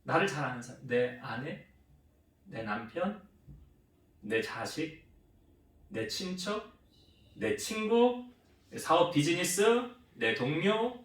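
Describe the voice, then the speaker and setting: A man's voice: animated, takes it slowly, pauses often. A male pastor preaching a sermon, asking questions and answering them, and acting out quoted speech. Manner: asks the congregation questions and answers them himself; acts out quoted speech with shifts in pitch and loudness. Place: church sanctuary. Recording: roomy church hall with the mic some distance away.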